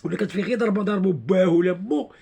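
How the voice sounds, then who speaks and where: Sitting high in pitch, his voice is gravelly, husky, and dark in tone. He's a Moroccan-accented online video commentator explaining things informally to his followers. Repetitive and halting, he keeps searching for words.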